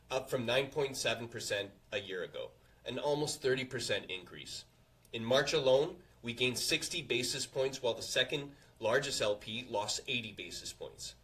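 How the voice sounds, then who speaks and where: A company executive reads a scripted earnings presentation to investors, his delivery formal, confident and measured. His voice is medium-pitched and a bit bright.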